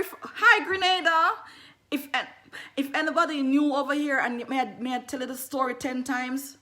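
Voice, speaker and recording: Jamaican woman, herbalist livestreamer; bright high voice, chatty, often repeats lines. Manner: greets viewers mid-sentence, repeats phrases, animated. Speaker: herbalist selling skincare on a livestream. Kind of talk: casual livestream chat.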